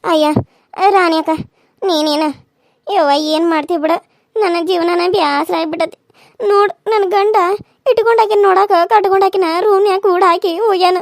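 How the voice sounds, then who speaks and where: Woman doing a teary young village wife, super high voice, dry sound. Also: fairly even intonation, moderate pace, gravelly, no echo. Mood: tearful. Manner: weepy, pleading, self-pitying. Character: young pregnant wife, beaten, tearful. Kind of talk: cartoon serial voice acting.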